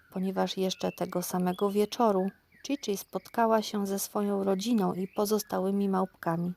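A woman narrating a children's audiobook in a calm, clear storytelling voice. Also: medium pitch. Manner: calm, even, clear reading.

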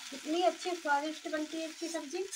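Woman walking thru her home cooking step by step, high voice, mic a bit far off, pan sizzling. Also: steady tone, quick pace. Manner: explains each step while cooking. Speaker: cooking vlogger. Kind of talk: casual cooking narration. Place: small village home kitchen, indoors. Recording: distant phone audio with sizzling noise.

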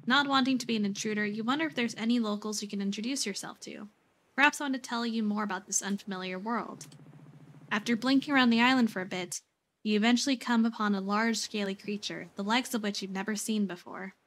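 A woman streamer calmly narrating a role-playing game out loud. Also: medium pitch, fast, a little hiss or hum.

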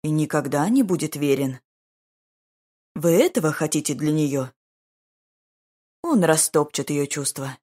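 A calm, ironic duke, as a woman narrator puts him on, speaking in a dry, level, self-assured manner. The voice is low and a little husky. He never raises his tone. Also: measured pace, pauses often. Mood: earnest.

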